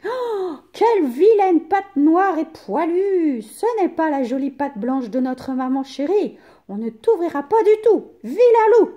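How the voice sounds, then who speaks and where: A woman voicing a group of young goat kids, shrill, loud and exclamatory in a children's storybook reading. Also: lively intonation, measured pace, highs cut off. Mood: scornful.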